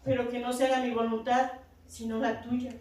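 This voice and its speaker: A Latin American woman preaches a sermon in a church hall, constantly repeating "hermanos" and "verdad" and rising to emphatic peaks. Her slightly high, darkish voice shows little pitch movement at a moderate pace, and the very echoey recording was made from a distant mic with faint noise.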